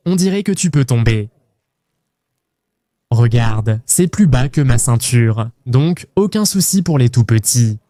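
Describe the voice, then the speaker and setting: Excitable man hosting a travel vlog. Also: mid-range voice, no room sound, clean studio sound. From Argentina. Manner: excitable, playful, jokey. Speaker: travel vlogger host.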